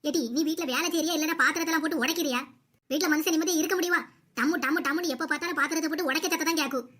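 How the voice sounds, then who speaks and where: A woman's voice: high voice, steady tone, rapid-fire. A woman voicing a bossy, scolding mother-in-law in a cartoon comedy. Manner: nagging, scolding, sharp-tongued.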